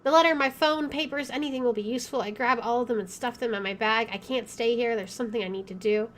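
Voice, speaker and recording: Her voice is on the high side and she talks fast, reading the game's text aloud during her playthrough. As a let's player, she keeps the commentary playful and full of wisecracks.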